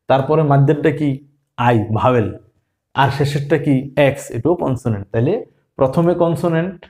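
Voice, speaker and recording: A man's voice: mid-range voice, a little mellow. A man teaching English phonics in a classroom style. He asks questions, answers them himself and spells words out sound by sound.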